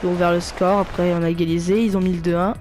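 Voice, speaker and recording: Racing through casual commentary of his football video game, a French-accented gaming YouTuber names players and grows loud when a goal arrives. His high voice shows little pitch movement, and soft music plays behind him.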